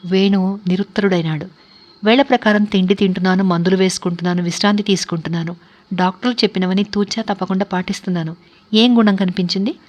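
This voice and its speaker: A woman voicing a composed young wife who is unable to walk, speaking in a calm, resigned and earnest way in a read-aloud story. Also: mid-range voice, lightly acted. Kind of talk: audiobook character reading.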